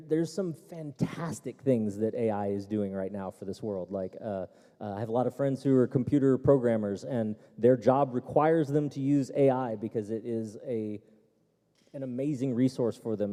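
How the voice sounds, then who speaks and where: A man's voice: medium pitch, warm tone. Filler-heavy man in an echoey hall. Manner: hesitant, many fillers and restarts. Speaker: tech expert panelist. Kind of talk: casual seminar talk. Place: seminar hall.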